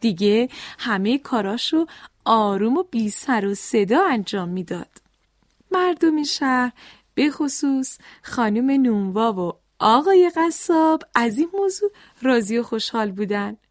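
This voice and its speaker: High voiced lady reading a kids story out loud, very dry close sound. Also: dry recording. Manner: animated, talks straight to the children. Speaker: children's storyteller. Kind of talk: storytelling for children.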